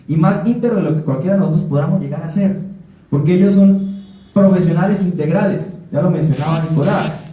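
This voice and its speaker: Heard from a distance in an echoey room, a Colombian man from Putumayo delivers an earnest forum talk as a panel speaker. His voice is a little high and mellow, and he often starts over and repeats himself.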